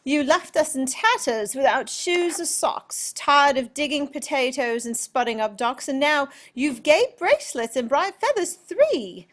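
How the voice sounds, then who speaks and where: A woman's voice: sits high, big pitch swings, unhurried, few pauses, a bit bright, voice pushed up, exaggerated voice. A woman reading a poem aloud in a put-on British accent, voicing an amazed country girl. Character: awed country girl meeting old friend.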